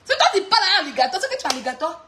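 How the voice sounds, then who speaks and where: Very high-pitched mocking woman. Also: very animated, very fast, pushed and bright, a little hiss or hum. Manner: mocking, often laughing while talking. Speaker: online clash streamer. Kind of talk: insulting clash rant.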